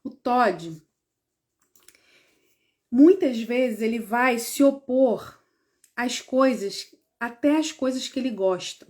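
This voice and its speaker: A Brazilian woman with a fairly high voice talks parents through everyday situations in a casual, explanatory tone. She speaks conversationally, with lots of tag questions and restarts, and now and then briefly acts out both sides of a parent and child exchange. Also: expressive, takes it slowly, long pauses, darkish tone. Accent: Brazilian Portuguese. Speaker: parenting educator.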